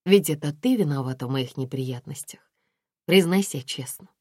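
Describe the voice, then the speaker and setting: A woman's voice: deep voice, normal speed, dry recording, clean studio sound. Woman reading a tense young heroine. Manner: quiet, clipped. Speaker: audiobook reader.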